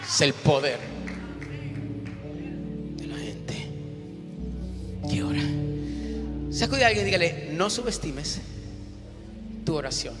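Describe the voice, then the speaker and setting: A woman's voice: low-pitched, sing-song, slow pace, pauses often. Woman pastor, emphatic sermon delivery, repeats herself, draws in the crowd; long reverb with music underneath. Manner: emphatic, repeats phrases, calls on the congregation. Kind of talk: preaching a sermon.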